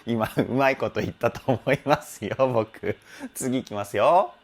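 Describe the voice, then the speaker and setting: Soft music plays in the background as a man with a mid-range voice talks unhurriedly. He works as a vocal trainer and casually dissects a singer's technique, joking at his own expense, laughing frequently, and humming snippets of the melody.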